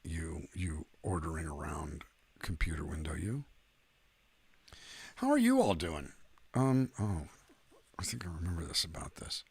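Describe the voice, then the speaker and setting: A man's voice: extremely low pitch, sing-song, measured pace, gravelly, long pauses, a little mellow, slightly rough. A middle-aged man, a singer-songwriter hosting a livestream, chatting casually in a rambling, self-deprecating, joking way.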